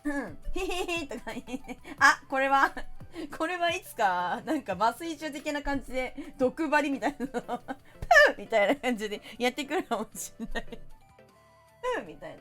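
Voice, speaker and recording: A woman streamer chatting casually while gaming and reading viewer comments, in a playful, animated way. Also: sits high, soft background music. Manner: animated, playful, quick to laugh and mimic others.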